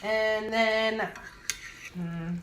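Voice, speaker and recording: A woman's voice: fairly high pitch, fairly even intonation, very slow, background noise. A tipsy woman giving a loose, rambling cooking vlog, thinking aloud in a casual way. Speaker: home cook hosting a cooking video. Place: home kitchen.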